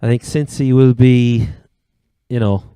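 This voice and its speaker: A man's voice: mid-range voice, fairly even intonation, measured pace, warm tone, smooth, dry recording, clean studio sound. A man with an Irish accent from Cork, hosting a casual sports chat. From Ireland. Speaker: sports podcast host.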